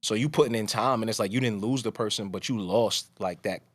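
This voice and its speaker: A podcast host chats casually in a strong, low-leaning voice at a brisk clip. His talk is loose and rambling, full of sentences he stops and restarts.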